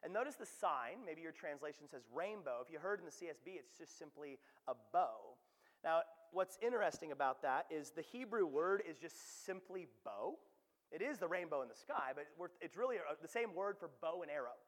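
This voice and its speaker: Guy preaching in a church, pretty high voice, lots of reverb, chatty and lively. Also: a little fast. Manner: animated, conversational preaching with playful asides. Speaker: pastor. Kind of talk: sermon. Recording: long hall reverb.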